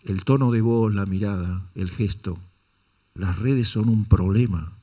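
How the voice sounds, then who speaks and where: A man's voice: on the low side, unhurried, mellow. A man preaching a Sunday sermon, asking the congregation rhetorical questions and calling them brother. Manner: dramatizes quotes with shifting intonation. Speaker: pastor.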